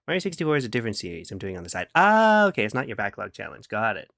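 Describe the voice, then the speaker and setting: A man's voice: on the low side, wildly swooping pitch, racing, vocal fry, fairly bright tone, dry recording, studio quality. A man chatting casually with viewers on a live stream, playful and giggly, humming and scatting to himself between remarks. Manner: playful, giggly, hums and scats to himself while working.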